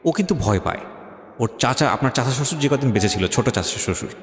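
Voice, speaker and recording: With lively intonation and a fast, mid-range delivery, a man with a Bangladeshi accent runs a radio talk show, pressing his advice emphatically and argumentatively and code-switching into English. There's slight background noise, hall reverb, and faint music.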